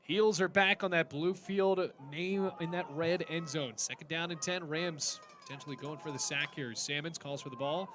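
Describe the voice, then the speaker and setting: A man's voice: a little high, moderate pace, few pauses, a bit bright. A man calling live football play-by-play in clipped, descriptive phrases. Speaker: play-by-play commentator.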